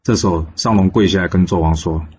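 A man narrating a traditional tale in a lively storytelling manner, switching voices for each character. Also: low voice, fast. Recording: dull lo-fi recording with faint background noise.

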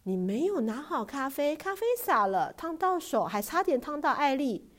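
A woman doing a gentle coaxing mother. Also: high-pitched, sing-song, normal speed, voice pushed up. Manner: soft, coaxing, hushed at times.

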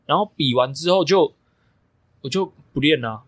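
A man's voice: fairly high pitch, animated, normal speed, breathy edge. A young man, a coach co-hosting a podcast, telling stories emphatically and swearing freely. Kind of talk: casual podcast chat.

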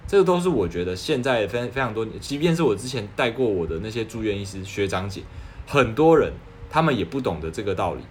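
A man's voice: lowish voice, animated, fast, a little mellow, slight background noise. Earnest young man. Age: 20s. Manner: earnest and persuasive, asks rhetorical questions, frequent restarts. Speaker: young doctor sharing advice. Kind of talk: casual advice talk.

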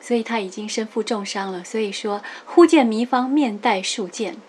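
A middle-aged woman lecturing on classical poetry, explaining characters patiently, reading verses slowly and often adding a soft "ha". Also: medium pitch, a little hiss or hum. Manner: lively, explains patiently, ends many phrases with a soft "ha"; reads quoted verses slowly and with emphasis.

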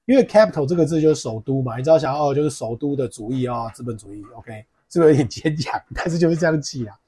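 A man hosting a podcast English lesson, explaining pronunciation and slowly repeating words, with a lively, joking manner. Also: medium pitch, breathy edge. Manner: lively, jokey aside. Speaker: English teacher. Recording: podcast mic.

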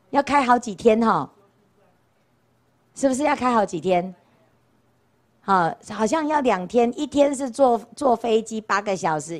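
Chatty nun lecturing. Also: female voice, mid-range voice. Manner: chatty, keeps asking rhetorical "right?" questions. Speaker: Buddhist nun lecturing on scripture. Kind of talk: casual storytelling dharma talk. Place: temple lecture hall.

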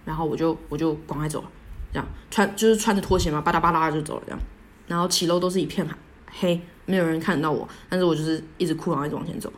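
A young woman tells a personal story alone as a podcast host, halting and self-deprecating, full of restarts. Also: deep voice, fairly even intonation.

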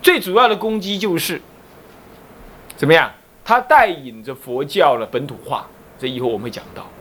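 A man's voice: a little high, normal speed, a bit bright. A man with a Taiwanese Mandarin accent, a Buddhist abbot teaching a class, who quizzes his listeners and teases them in playful asides. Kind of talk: lively Buddhist lecture.

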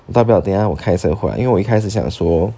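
Low-voiced man calmly explaining himself. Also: breathy edge. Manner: calm, defensive, drawn-out explanations. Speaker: podcast co-host. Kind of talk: casual chat.

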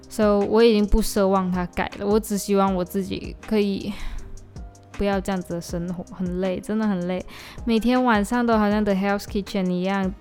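A woman's voice: medium pitch, darkish tone. A young woman, venting in casual podcast chat and slipping into English now and then. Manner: venting, weary, drifts into English exclamations. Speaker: podcast host.

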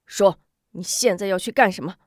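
A woman's voice: medium pitch, normal speed, dry recording, clean studio sound, close to an everyday voice. A woman voicing a fierce old beggar woman, a martial heroine who questions sternly and commands. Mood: stern, angry.

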